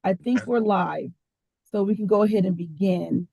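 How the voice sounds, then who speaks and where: A woman on a call who is helping to run a public meeting, speaking in a brisk, practical way. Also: medium pitch, creaky, dark tone, poor audio. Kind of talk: casual meeting talk.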